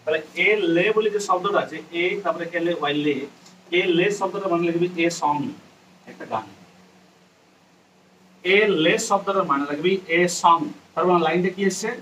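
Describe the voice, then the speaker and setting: High, bright-voiced teacher, distant mic. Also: male voice, moderate pace. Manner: repetitive, spells words out letter by letter, addresses students directly. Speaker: English teacher. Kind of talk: classroom lecture explaining a poem. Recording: distant mic with faint ambient noise.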